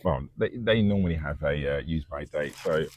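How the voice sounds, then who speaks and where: A man's voice: rumbling low, moderate pace, darkish tone. A man co-hosting a casual chat podcast, earnest, stumbling over first words. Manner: earnest, repeats words when starting. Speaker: podcast co-host.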